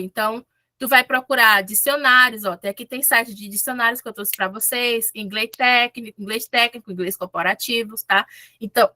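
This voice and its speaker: A woman's voice: on the high side, sharp tone, no echo. A woman from Brazil teaching English in a casual, chatty lesson, often checking in with her listeners.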